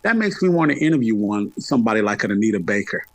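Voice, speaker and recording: This fairly low-pitched man from Atlanta, United States, talks fast with big pitch swings, and there's no echo. Middle-aged, he's a hip hop podcaster guesting on a podcast, chatting casually in an interview and repeating phrases for emphasis.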